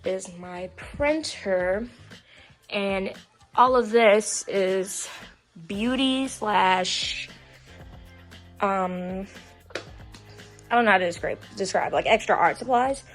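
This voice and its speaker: A woman giving a casual tour of her room, chatty and soft-spoken, a little out of breath. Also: medium pitch, slow pace, long pauses, soft background music. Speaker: nail content creator.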